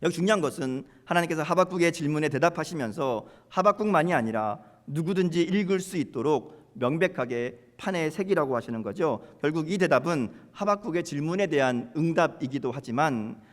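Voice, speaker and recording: A man's voice: a little high, expressive, fairly quick, few pauses. A man preaching a sermon as pastor, in a conversational way, acting out prayers with rising emphasis. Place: church sanctuary. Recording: long hall reverb.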